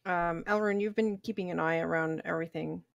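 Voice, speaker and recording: A woman acting as game master, narrating a tabletop game in a halting, conversational way. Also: on the low side, fairly even intonation, vocal fry, no echo, muffled recording.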